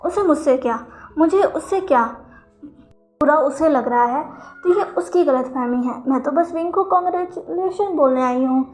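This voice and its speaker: A woman's voice: high voice, normal speed, a little mellow, soft background music, natural voice. A woman doing a coy scheming young woman. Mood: dismissive.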